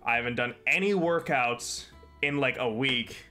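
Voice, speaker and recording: A young man with a stuffy, congested voice from a cold streams a game from his bedroom on a headset, chatting casually, rambling and swearing as he comments. His voice is medium-pitched, pushed and bright at a moderate pace, with game music behind him.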